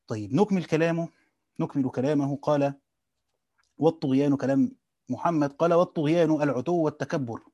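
An Egyptian man teaches a relaxed study lesson at a brisk clip, his voice mellow and a little high. He poses questions and answers them himself, sliding between colloquial and classical speech. The sound is dry and close. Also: no room sound. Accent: Egyptian Arabic. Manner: mixes dialect with classical Arabic, rephrasing as he goes. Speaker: teacher reading and explaining a classical Quran commentary.

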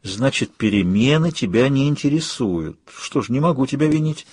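A man reading an audiobook, voicing a gentle young woman softly coaxing a patient to wake. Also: mid-range voice, animated, normal speed, breathy edge, no room sound. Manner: soft, coaxing, encouraging.

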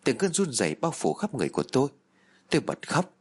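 A man's voice: medium pitch, huge pitch swings, fast talker, husky. A man narrating a spooky first-person horror story in a tense, dramatic storytelling manner.

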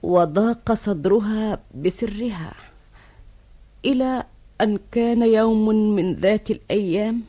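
A woman as a slow, rhyming storyteller. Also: medium pitch, dark tone, lightly acted. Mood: solemn. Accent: Egyptian Arabic. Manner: slow, rhythmic. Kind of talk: rhymed radio narration. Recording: dull old radio recording.

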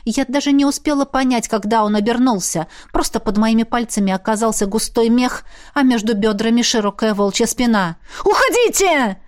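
A woman narrating a fantasy novel in a steady, expressive reading. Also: a little high, a little fast, hardly any pauses. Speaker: audiobook narrator.

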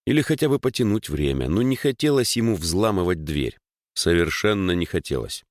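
A man narrating an audiobook chapter in expressive storytelling style. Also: low-pitched, a little fast, no room sound, studio quality. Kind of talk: scripted narration.

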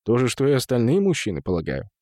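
A man's voice: medium pitch, huge pitch swings, quick pace, a little mellow, dry recording, clean studio sound. A man voicing a stern, commanding man who runs a brothel and speaks with firm patience. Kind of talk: audiobook character voice.

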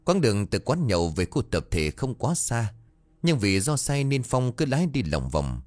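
A man's voice: medium pitch, very animated, normal speed, a little mellow, no room sound. A man reading a scripted horror story as a narrator, with music behind his voice. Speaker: narrator of ghost stories. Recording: music under the voice. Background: background music.

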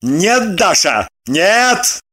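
A fussy, short-tempered husband, as the reader voices him, dragging out each grudging word at a slow pace. His retorts come clipped and snapped through gritted teeth, full of disgust for dirt. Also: mid-range voice, fairly bright tone, no echo, close to an everyday voice. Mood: irritated. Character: fastidious, irritable middle-aged husband, squeamish about dirt. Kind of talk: storybook reading.

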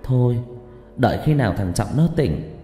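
A man's voice: mid-range voice, expressive, normal speed, dark tone, close to an everyday voice. A man voicing a grieving older mother who pleads and laments, in a horror story with heavy reverb and music. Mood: consoling.

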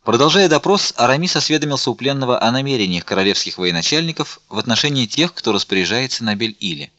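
A man narrating an audiobook in a steady, clear reading. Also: medium pitch, fast talker, dry recording. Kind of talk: scripted narration.

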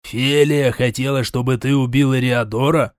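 A man's voice: medium pitch, steady tone, normal speed, dry recording, clean studio sound, close to an everyday voice. Man doing a stern, scolding old prince. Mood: suspicious. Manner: scolding, sighing, sarcastic. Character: stern older male prince, suspicious and weary.

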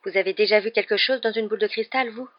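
A man's voice: sits high, steady tone, fast talker, dry recording, dull audio, voice pushed up, close to an everyday voice. A man doing a timid plaintive teenage boy. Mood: anxious.

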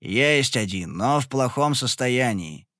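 A man voicing a practical male traveling companion in a storybook reading, speaking in a measured, matter-of-fact way. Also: mid-range voice, expressive, a bit bright, no room sound, studio quality.

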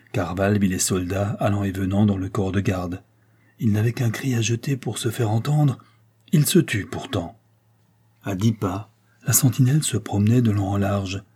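A man narrating a historical novel in a steady, measured manner. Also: lowish voice, slightly rough. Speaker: audiobook narrator. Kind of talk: literary narration.

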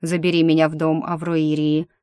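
A woman voicing a wounded male dragon-shifter who speaks softly, slowly and tenderly. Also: low voice, completely flat delivery, clean tone, no echo, close to an everyday voice.

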